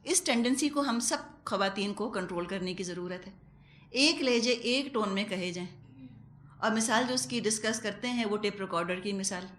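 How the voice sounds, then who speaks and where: A woman's voice: medium pitch, fairly bright tone, roomy sound. A woman teaching a Quran lesson to women in a conversational way, acting out everyday household calls. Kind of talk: lecture to women.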